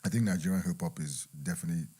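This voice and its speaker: A man guesting on a podcast talks about rap in a subdued, unhurried manner. His voice is very deep and low. He pauses and hedges with fillers as he gathers his thoughts. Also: warm tone, husky. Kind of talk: casual chat.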